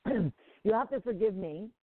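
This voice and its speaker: A sick, slightly congested woman hosts a casual call-in talk radio show over a tinny, dry phone line. Her medium-pitched voice is expressive and slow, and she rambles loosely with frequent ums and restarts.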